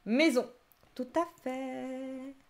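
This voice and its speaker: Young woman teaching japanese live, bit high voice, chatty and laughing a lot. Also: drawn-out words. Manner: lively, laughs often, reads chat answers aloud. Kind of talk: live-streamed Japanese lesson.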